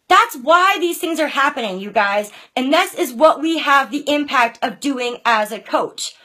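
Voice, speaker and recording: A young woman with a high voice rallies her team as their coach. She preaches with passion, hammering her points home, and keeps checking in with "okay?" and "you guys". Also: a bit bright. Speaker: team coach giving a pep talk. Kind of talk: motivational talk.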